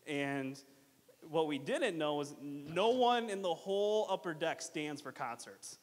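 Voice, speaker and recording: A man with a slightly high voice gives a rambling best man speech in a hall with long reverb. He talks informally and jokingly, stumbling into false starts and circling back over his phrases. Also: animated. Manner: rambling, halting, with false starts and repeated fillers. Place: reverberant hall at a wedding reception.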